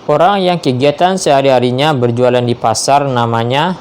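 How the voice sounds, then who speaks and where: A man slowly reading multiple-choice quiz questions aloud and confirming each answer. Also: medium pitch, darkish tone, slight background noise. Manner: measured, spells out each option, confirms answers with "ya".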